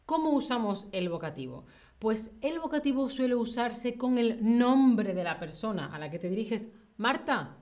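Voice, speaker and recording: With a mid-range, slightly mellow voice, this Spanish teacher leads a live grammar lesson for her listeners. Rhetorical "¿sí?" and "¿vale?" punctuate her speech constantly, and she performs example phrases in a raised voice.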